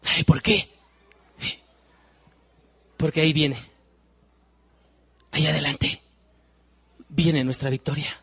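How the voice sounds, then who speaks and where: A man preaching a sermon, emphatic, moving from hushed warnings to loud exclamations and repeating phrases. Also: a little high, fairly even intonation, takes it slowly, gravelly, pauses often, husky.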